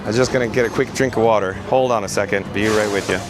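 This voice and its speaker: A male vlogger with a hoarse, raspy, lowish voice live-streams outdoors at a theme park, reading viewer comments aloud in an upbeat, chatty manner. He talks fast with fairly even intonation, and music plays in the background.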